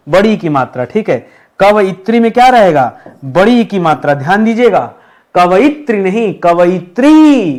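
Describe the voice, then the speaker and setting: High-voiced male teacher spelling words aloud. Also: darkish tone. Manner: spells words letter by letter, asks and answers his own questions; addresses viewers as friends, says "okay" often. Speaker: Hindi teacher. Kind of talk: exam-prep grammar lesson.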